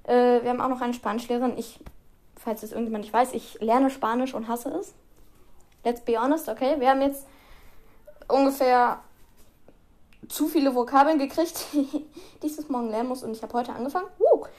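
A woman's voice: fairly high pitch, fairly even intonation, quick pace, a little mellow. A teenage girl chatting casually on her podcast, rambling with lots of fillers, walking around as she records. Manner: walks around while recording. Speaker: podcast host. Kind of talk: casual chat.

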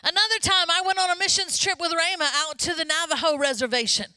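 Bright, high-voiced woman preaching. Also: fast, no room sound. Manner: lively, conversational preaching with asides to the congregation. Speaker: pastor. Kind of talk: sermon.

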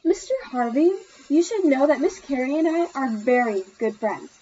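A woman's voice: sits high, moderate pace, darkish tone, lo-fi sound, a little hiss or hum, close to an everyday voice. Deaf teen girl Allie, read by a woman. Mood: tense, pleading. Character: deaf teenage girl, eager and possessive of her friend.

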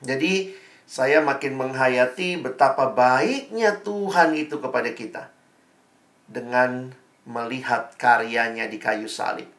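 A man's voice: medium pitch, takes it slowly, a bit bright. Echoey conversational preacher man. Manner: conversational preaching with rhetorical questions; calls himself [name]. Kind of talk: sermon.

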